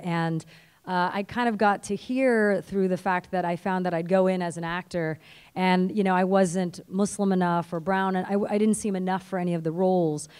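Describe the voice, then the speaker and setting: A woman's voice: on the low side, a little mellow, clear, resonant tone. A middle-aged woman from Canada speaking on a convention panel into a handheld mic, chatty and self-deprecating. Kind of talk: panel talk. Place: stage in a convention hall.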